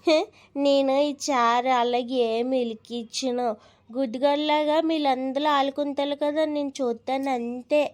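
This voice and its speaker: A woman's voice: sits high, fairly even intonation, normal speed, close to an everyday voice. A woman voicing a bratty cartoon little girl, a bossy younger sister who tattles and turns on fake tears. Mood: smug. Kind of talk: cartoon voice dubbing.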